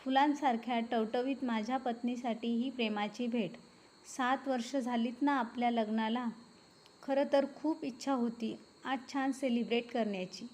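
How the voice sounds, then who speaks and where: A woman voicing a patient, apologetic young husband who coaxes softly. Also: fairly high pitch, fairly even intonation, moderate pace, slight background noise, close to an everyday voice. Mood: pleading. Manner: coaxing, soft-spoken pleading.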